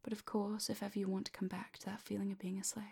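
A woman speaks close and low in a breathy, half-voiced whisper, her tone gravelly with fry. She keeps a flat, even pitch and a slow, commanding pace as she guides the listener in hypnosis. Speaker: hypnosis audio creator.

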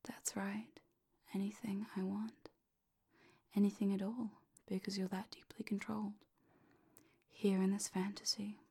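A woman speaks close and low in a breathy, half-voiced whisper, her tone gravelly with fry. She keeps a flat, even pitch and a slow, commanding pace as she guides the listener in hypnosis. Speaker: hypnosis audio creator.

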